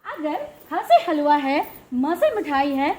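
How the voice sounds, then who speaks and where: A woman teacher narrates a school play for her pupils. Her voice is very high and swings freely up and down. She speaks slowly and stresses each point, with faint noise behind her. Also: very animated, a little mellow. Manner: slow, emphatic and instructive, addressing children.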